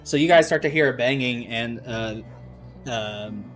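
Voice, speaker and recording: A man, narrating a tabletop game as game master, relaxed and full of fillers. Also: mid-range voice, measured pace, soft background music. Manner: relaxed, rambling, many fillers.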